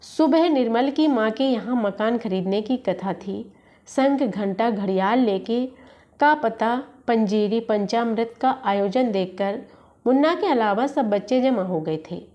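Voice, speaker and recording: A woman reading a literary short story aloud in a steady, measured way. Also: fairly high pitch, lo-fi sound.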